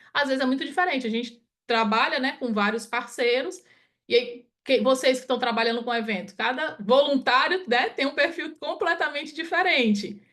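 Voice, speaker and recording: A woman's voice: high-pitched, fairly bright tone. A Cearense woman from Brazil, a consultant, giving a chatty webinar talk over a video call and tagging many phrases with "né?". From Ceará, Brazil. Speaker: project management consultant and webinar speaker.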